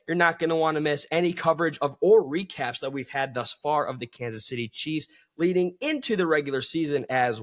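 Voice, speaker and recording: A man hosting a solo sports podcast, talking with enthusiasm and calling his listeners folks. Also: a little high.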